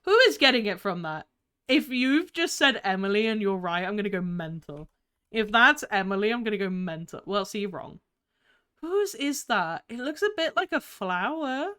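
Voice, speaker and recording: A woman streamer chatting live with her viewers in a bubbly, giggly, excitable way while playing games. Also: a little high, clean tone. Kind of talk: live gaming stream chat.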